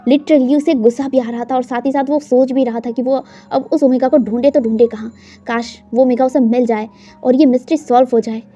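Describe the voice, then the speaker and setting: A woman's voice: high voice, warm tone, lo-fi sound. A woman narrating a fan fiction story in a chatty way, often dropping in English words and fillers.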